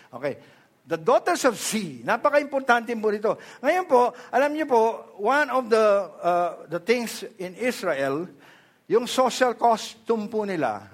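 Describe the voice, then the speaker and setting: A man's voice: high-pitched, a bit bright. A man with a Filipino accent preaching a sermon, asking the congregation questions and mixing in English phrases. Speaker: pastor.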